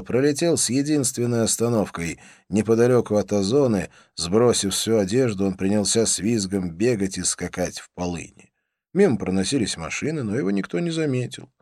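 A man's voice: on the low side, a little mellow, no room sound, clean studio sound. A man narrating a first-person novel as an audiobook, reading expressively.

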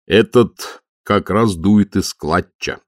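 A man's voice: low-pitched, slow, dry recording, studio quality. A man reading an audiobook, voicing an earnest, naive young male watchman who insists on doing right.

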